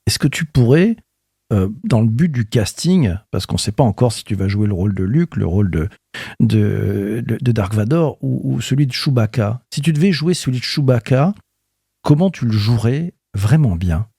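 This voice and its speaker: A man's voice: mid-range voice, normal speed, creaky, breathy edge, dry recording, studio quality. A man hosting a podcast, talking casually and enthusiastically with many hesitations. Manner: enthusiastic, lively, hesitant with fillers. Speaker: podcast host.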